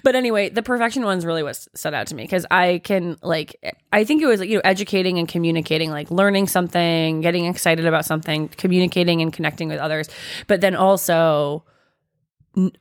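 A woman's voice: lowish voice, fast talker, dry recording, studio quality. A woman in her thirties co-hosting a podcast in casual chat, teasing and laughing easily. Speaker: podcast co-host.

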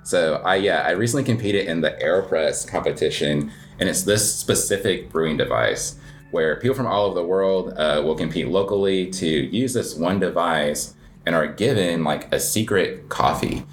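Faint music plays behind a low-voiced man from the United States, a coffee shop owner being interviewed. At a moderate pace, he gives casual, rambling answers sprinkled with "like."

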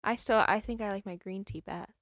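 A woman's voice: mid-range voice, brisk, fairly bright tone, no echo. A young woman co-hosting a casual chat podcast, bubbly and giggly, laughing often between remarks. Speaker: podcast co-host.

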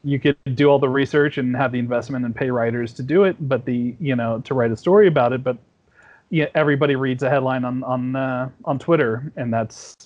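At home at night, a man in roughly his forties speaks briskly as a podcast guest, his medium-pitched voice darkish and the audio's highs cut off. The casual conversation is rambling and relaxed, peppered with fillers and restarts.

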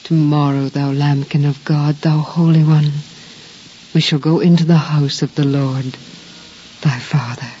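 An actress playing Mary as a gentle, devout young mother, with formal, measured diction in a 1950s radio drama style. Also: low-pitched, steady tone, background noise. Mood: tearful wonder. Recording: muffled old radio recording, music behind.

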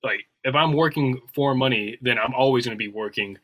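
A man's voice: medium pitch, brisk, a bit bright, low-quality recording. A man co-hosting a podcast, speaking earnestly in casual chat and often checking in with "right?". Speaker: podcast co-host.

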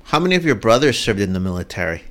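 A man's voice: fairly low pitch, sing-song, racing. A man hosting a radio show, introducing a guest and asking him questions in an earnest, emphatic way. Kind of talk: radio interview.

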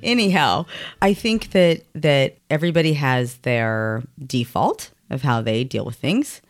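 A woman from Puerto Rico chatting casually on a podcast, animated and fond of acting out what other people say. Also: extremely low pitch, a little slow, soft background music. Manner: animated, acts out quoted voices, laughs often. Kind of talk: casual chat.

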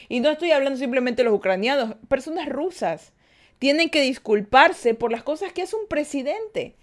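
Podcast host, a woman with a slightly high voice; earnest advice delivery, rhetorical questions. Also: a little mellow. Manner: earnest, repeats phrases for emphasis, asks rhetorical questions.

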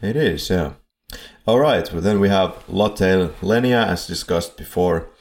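A man with a very low, deep voice co-hosts a casual movie podcast. He rambles through notes and chuckles when he trips over a name. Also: lively intonation, measured pace. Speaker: podcast co-host. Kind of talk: casual film podcast chat. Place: home setup in Poland.

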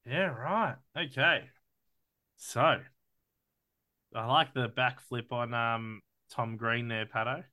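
Bright, excitable Australian male podcast co-host who swears casually. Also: medium pitch, takes it slowly, long pauses. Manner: excitable, swears freely, keeps addressing his co-host. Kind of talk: casual sports podcast chat.

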